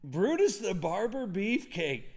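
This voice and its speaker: A young man hosting a live card break, chatting and rambling excitedly to viewers as he calls out cards. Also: high-pitched, measured pace. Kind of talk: casual live-stream card break commentary.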